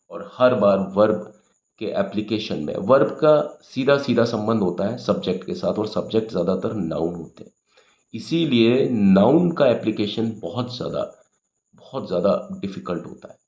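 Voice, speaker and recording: A man with a very low, gravelly voice works slowly through a grammar lesson, repeating each point and checking that the listener follows. The sound is dull and lo-fi, with a noticeable room echo. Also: lively intonation, a little mellow. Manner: patient, repetitive explaining with frequent "ठीक है" check-ins. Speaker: English teacher.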